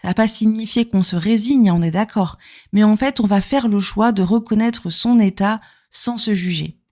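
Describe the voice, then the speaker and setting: A podcast host and therapist from Normandy, France, speaks informally in a mid-range, darkish voice at normal speed. She explains things conversationally, talks straight to the listener, and scatters rhetorical questions throughout.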